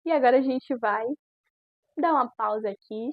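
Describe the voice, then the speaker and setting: Girl in her 20s telling her faith story, chatty and earnest, husky voice, dry close sound. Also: a little high, normal speed, no echo, narrow, tinny audio. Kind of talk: personal faith testimony.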